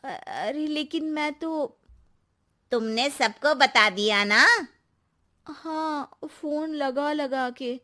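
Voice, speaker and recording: A woman's voice: high voice, very slow, pushed and bright, full character voice. A woman voicing a chatty, bragging young daughter-in-law in a cartoon story. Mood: cheerful.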